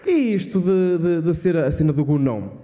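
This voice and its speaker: A man's voice: a little high, expressive, moderate pace, noisy background. A man doing slangy, profane stand-up and bantering with a live crowd. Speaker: stand-up comedian. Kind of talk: crude stand-up comedy. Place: live comedy venue with audience. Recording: reverberant live hall.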